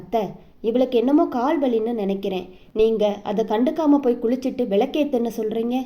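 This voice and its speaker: Woman voicing a young housewife, grumbling, fretting, dark mellow voice, storybook. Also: fairly high pitch, brisk, lightly acted. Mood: protesting. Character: fussy grumbling young wife, sister-in-law.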